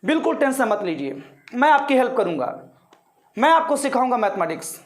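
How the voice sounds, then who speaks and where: A man's voice: very high-pitched, big pitch swings. A man teaching a math lesson online, reassuring his pupils and keeping them engaged with repeated questions. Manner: repeats steps slowly for pupils to say along.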